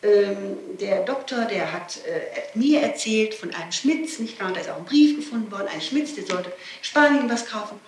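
Captured on noisy, echoey archival tape from a distant mic, a woman with a medium-pitched, expressive voice speaks at a moderate pace with few pauses. Under police questioning in an echoing interrogation room, she insists on her statement, repeating herself emphatically.

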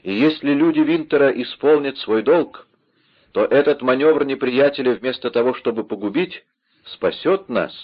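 A man voicing a calm, composed male nobleman and musketeer, speaking in a measured way, for an audiobook on a slightly dull recording. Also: medium pitch, pitched above the performer's own voice, natural voice. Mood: earnest.

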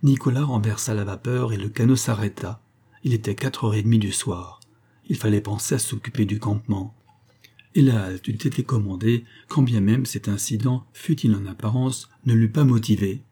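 A man reading a classic adventure novel aloud in a measured, even storytelling manner. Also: lowish voice, husky. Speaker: audiobook reader.

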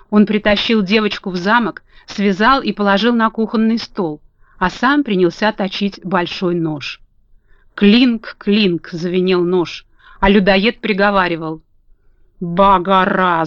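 A woman reading a children's storybook aloud in a calm, even narration. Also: medium pitch, dry recording. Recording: dull lo-fi dry audio.

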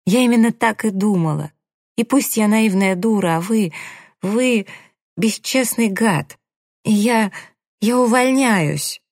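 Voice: medium pitch, brisk, no room sound, studio quality, voice pushed up, lightly acted. A reader voicing a naive young woman secretary who pleads and protests in an audiobook. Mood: indignant. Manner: pleading, indignant, tearful. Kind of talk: audiobook character reading.

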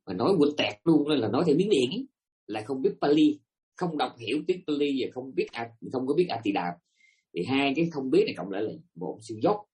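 Animated man giving a dharma talk. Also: mid-range voice, brisk. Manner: emphatic, with rhetorical questions to listeners. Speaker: Buddhist dharma teacher. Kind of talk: dharma talk to a live audience.

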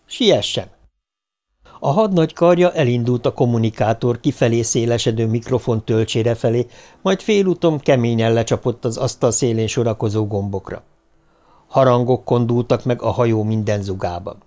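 A man narrating an audiobook in a steady, even delivery. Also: mid-range voice.

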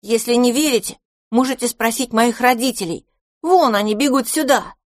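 A woman's voice: fairly high pitch, normal speed, no room sound, pitched above the performer's own voice, close to an everyday voice. A small domovoy boy, as a woman reads him, polite but proud, speaking up earnestly in a raised, firm voice. The recording is dry and close.

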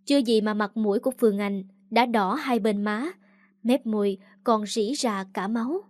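A woman's voice: mid-range voice, moderate pace, no room sound. Woman narrating a story, dry sound. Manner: steady first-person reading.

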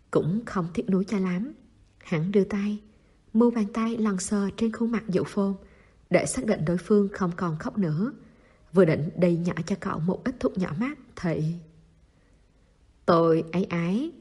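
A woman narrating a novel in a steady, soft storytelling manner. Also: medium pitch, moderate pace, slightly rough. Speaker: audiobook narrator.

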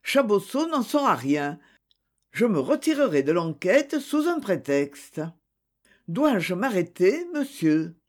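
A polite investigator with a soft, patient voice, as a reader plays him, pressing gently with his questions. His delivery is slow and unhurried, with a lively melody. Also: mid-range voice. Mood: courteous. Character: calm, courteous male investigator.

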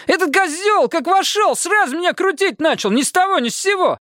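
A man voicing a defiant bald petty thief who squeals and shouts crude slang in a high voice. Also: expressive, fairly quick, dry recording, clean studio sound. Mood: shrill protest.

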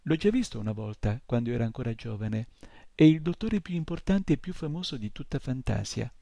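A man voicing an excited hunchbacked little old woman, in an audiobook reading. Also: mid-range voice, a little fast, vocal fry, no room sound, studio quality.

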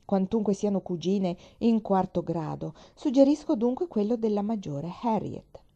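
A woman's voice: medium pitch, expressive, moderate pace, mellow, lo-fi sound, voice pushed up. A woman reading the lines of a prim, pious aunt who speaks earnestly and sanctimoniously. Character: pious prim aunt fussing over names.

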